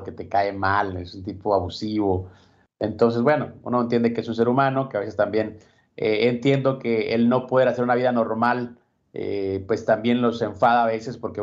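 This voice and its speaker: A man with a mid-range voice co-hosts a casual sports chat, talking in a steady, reflective way. The sound is dull and lo-fi. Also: medium pitch. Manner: reflective, steady, frequent "¿no?" tags. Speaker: boxing talk show co-host. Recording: dull lo-fi recording.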